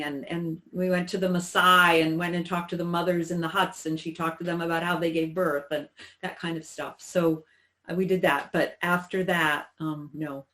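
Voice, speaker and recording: Reflective woman in her sixties, halting. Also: deep voice, fairly bright tone, rough recording. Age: 60s. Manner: halting, reflective, many restarts. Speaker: interview guest. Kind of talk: personal recollection in conversation.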